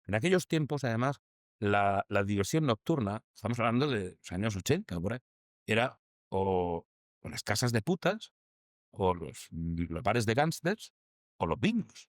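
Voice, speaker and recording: A man's voice: fairly low pitch, moderate pace, no room sound. Man telling a salty anecdote, dry close sound. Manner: lively storyteller, salty language, acts out shouts. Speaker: documentary interviewee.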